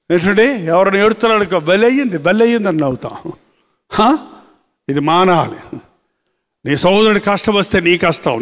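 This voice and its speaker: A man's voice: high voice, fairly bright tone. Man preaching in a reverberant hall. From India. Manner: preaching with slow, drawn-out emphasis and quoted scripture. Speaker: pastor. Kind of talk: sermon.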